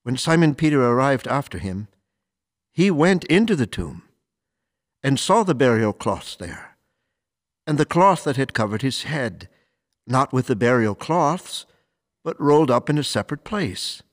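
A man speaks as a clergyman at a service, reading scripture and preaching. His delivery is slow, solemn and deliberate, with rhetorical pauses, in a mid-pitched voice recorded fairly dry. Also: sing-song, dry recording. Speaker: priest or deacon reading the Gospel and preaching. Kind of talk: liturgical scripture reading and homily.

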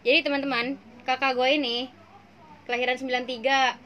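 A woman's voice: high-pitched, flat delivery, brisk, a bit bright, a little hiss or hum. A young woman hosting a casual podcast, playful and slangy, laughing often. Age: young adult. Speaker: podcast host.

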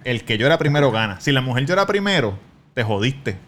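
Un hombre con acento puertorriqueño, presentador de un pódcast, que cuenta anécdotas de forma animada y malhablada, actuando las escenas. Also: male voice, medium pitch, fairly quick, a little hiss or hum. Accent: Puerto Rican. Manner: animated, profane storyteller who acts out scenes. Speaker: podcast host. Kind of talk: casual storytelling.

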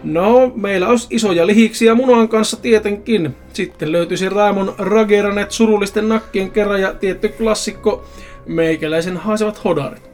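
A man's voice: high voice, darkish tone, faint music behind, pitched above the performer's own voice, close to an everyday voice. A man voicing a chatty, joking male kiosk seller listing his snacks, in a spoken story. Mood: cheerful. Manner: chatty, joking salesman patter.

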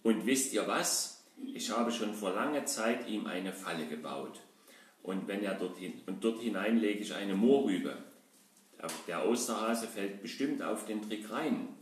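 A man's voice: lowish voice, lively intonation, measured pace. A man voicing a sly, greedy robber who talks to children in a conspiratorial, mock-threatening way, in a children's audio puppet play. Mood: sly gleeful. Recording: echoey room from a distance.

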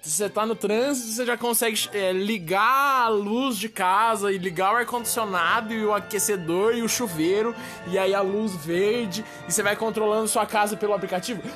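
Talking to camera over music, a Brazilian vlogger with a Brazilian Portuguese accent launches into a slangy, exasperated comic monologue. She speaks at a moderate pace with few pauses in a mid-range voice.

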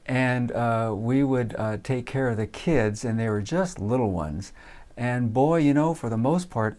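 A man telling a personal story in a relaxed, casual way, with frequent fillers. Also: medium pitch. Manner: relaxed, many uh fillers, acts out voices in quotes.

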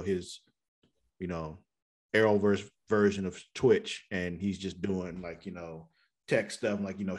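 A man co-hosting a podcast, casually recapping a TV episode in loose, slangy talk full of fillers. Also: lowish voice. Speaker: podcast co-host.

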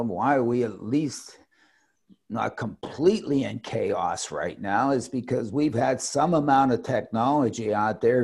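A man's voice: medium pitch, gravelly, slightly rough. A man co-hosting a discussion show, talking in an emphatic, exasperated, rambling way with many restarts. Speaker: podcast co-host, commentator. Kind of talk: casual opinionated discussion.

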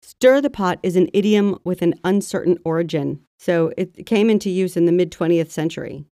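A woman's voice: on the low side, normal speed, warm tone, no echo, studio quality. A woman co-hosting a podcast in casual chat, sometimes reading items out. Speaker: podcast co-host.

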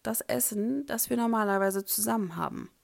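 A woman's voice: fairly high pitch, normal speed, gravelly. A woman voicing a playful teenage schoolboy who jokes with his friends. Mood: joking.

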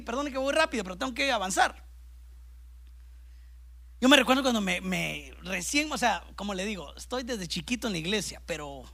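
High, bright-voiced preaching pastor. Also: male voice. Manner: animated, swings between loud bursts and hushed asides, keeps calling listeners "hermano". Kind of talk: sermon. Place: church service with a congregation present.

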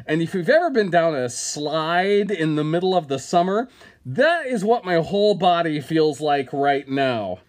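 A man's voice: high voice, darkish tone. A man hosting a comedy podcast, telling an absurd product review in a mock-serious, dry way. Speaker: podcast host.

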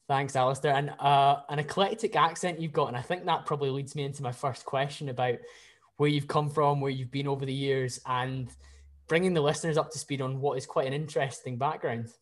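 A man's voice: mid-range voice, fairly even intonation, a little fast. A man from the UK hosting a podcast interview, posing structured questions in a friendly way. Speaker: podcast host.

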